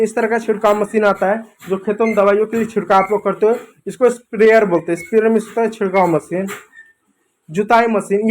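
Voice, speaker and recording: A man teaching English words in a chatty, repetitive way, checking in with the listener again and again. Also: high-pitched. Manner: repeats words, keeps saying "theek hai" and "dekho doston". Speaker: English teacher on a kids' channel. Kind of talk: informal Hindi vocabulary lesson.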